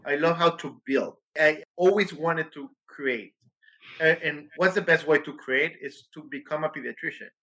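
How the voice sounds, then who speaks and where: A man's voice: fairly high pitch, moderate pace, sharp tone, poor audio. A man from Mexico, a pediatrician answering interview questions animatedly with frequent restarts.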